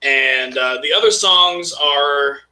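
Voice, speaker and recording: Man, band guest, casual live-stream chat, self-mocking, very bright, slightly high. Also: slow pace. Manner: laid-back, self-mocking, joking. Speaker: guest, singer in a pirate-themed band.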